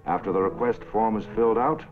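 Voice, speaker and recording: A man narrating an old newsreel in a formal, measured announcer delivery, with the sound of an old film soundtrack. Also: lowish voice. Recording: tinny lo-fi 1940s film soundtrack with music.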